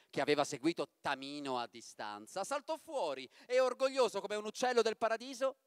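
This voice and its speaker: A man, an actor, giving a dramatic, expressive reading of a fairy tale in a church. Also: a little high, no echo.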